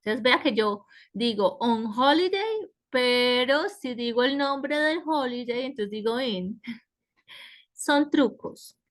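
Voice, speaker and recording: A woman's voice: a little high, animated. A woman teaching an English grammar lesson in a web conference, explaining patiently and checking in with her students. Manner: slow, explanatory, asks "¿sí?" and "¿cierto?". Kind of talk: online class lecture. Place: video call.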